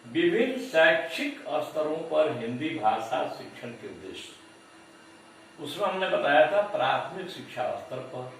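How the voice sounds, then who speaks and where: A male lecturer talks slowly through a lesson, repeating each example word so the class catches its stress. His pitch sits a little high and swings widely. The voice is picked up from a distance in a strongly echoing room. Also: big pitch swings, a little hiss or hum. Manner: slow, deliberate, repeats example words for emphasis. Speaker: teacher education lecturer. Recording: echoey room, voice far from mic.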